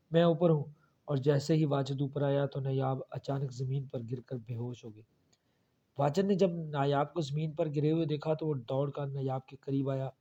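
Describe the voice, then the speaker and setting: A man's voice: mid-range voice, mellow. A man narrating a first-person horror story in a dramatic, tense storytelling manner, on a dull lo-fi recording. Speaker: audiobook narrator. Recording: dull lo-fi audio.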